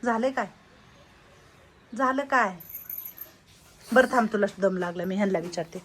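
A woman caretaker at an old-age home, calming the residents in casual talk. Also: medium pitch, moderate pace, husky. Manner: soothing, calms residents.

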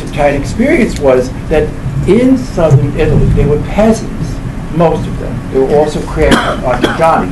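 Fairly high-pitched, a man in his seventies lectures informally to an audience about his book inside a library event room. His speech is halting and discursive, full of repeated phrases and corrections. A camera mic a few meters away gives a distant, roomy recording with loud noise behind.

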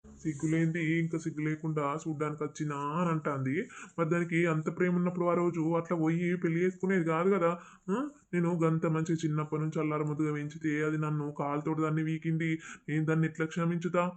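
A man's voice: a little high, flat delivery, fast talker, no echo, close to an everyday voice. A man voicing an angry middle-aged village father who scolds and mutters bitterly about disowning his daughter. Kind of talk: cartoon voice acting.

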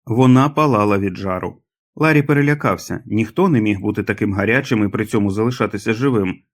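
Male audiobook narrator, measured and dramatic. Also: on the low side. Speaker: audiobook reader.

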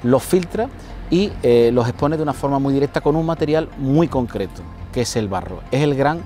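A middle-aged man, a painter as guest, explaining art outdoors in a city square, measured and full of hesitant fillers. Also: medium pitch, lively intonation, warm tone, soft background music. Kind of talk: outdoor conversation about art.

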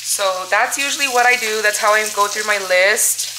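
A woman's voice: mid-range voice, normal speed, noisy background. An American woman vlogger chatting casually and thinking aloud, with lots of fillers, sounding tired. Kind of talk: casual chat.

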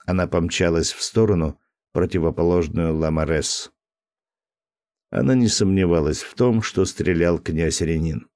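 Male narrator, very low voice, measured even reading, dry studio sound, scripted narration. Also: dry recording. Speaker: audiobook narrator.

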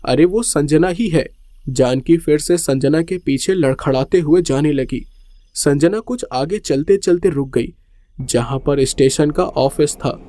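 Guy telling a scary story, mellow voice, bit high. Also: unhurried, no echo. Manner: steady, suspenseful. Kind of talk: scripted horror narration.

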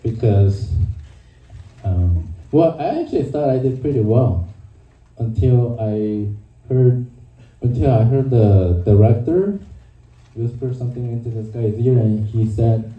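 On a small club stage, a young man from Korea works through a stand-up set at a measured pace and medium pitch, hesitating with frequent ums and uhs. His handheld mic is captured from the audience, so the audio comes across muffled, far off and echoey amid laughter and room ambience.

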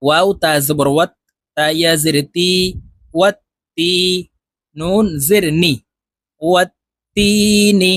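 A man teaching Quran reading, spelling out syllables letter by letter and drawing out the joined words in a slow, deliberate drill. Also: a little high, a bit bright, no room sound. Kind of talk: spelling out Arabic syllables slowly, then chanting the words.

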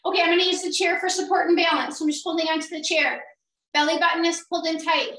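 A middle-aged woman leading a workout as an energetic aerobics instructor, counting and cueing while exercising along. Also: very high-pitched, fast. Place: small indoor home gym. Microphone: far camera a few metres away. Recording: roomy echo, distant microphone.

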